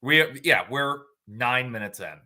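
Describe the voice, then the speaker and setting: A man's voice: medium pitch, expressive, slow, bright, forceful tone. A man hosting a podcast in casual chat, with a jokey, self-deprecating way of talking. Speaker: podcast host.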